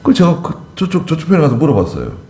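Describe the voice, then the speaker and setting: A man's voice: on the high side, huge pitch swings, fast, darkish tone, echoey room. A male pastor preaching a conversational sermon, acting out short dialogues in a church.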